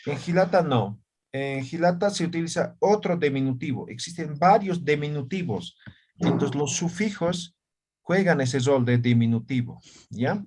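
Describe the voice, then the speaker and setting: A man's voice: mid-range voice, a little mellow. A man teaching a language class on a video call, checking often that students follow. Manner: checks understanding with frequent tag questions.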